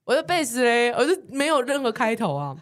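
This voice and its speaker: A woman's voice: fairly high pitch, fairly quick. A woman, co-hosting a podcast and telling a story in a casual chat, laughing often and acting out what others said. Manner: animated storyteller, swears, laughs often, acts out quoted people. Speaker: podcast co-host.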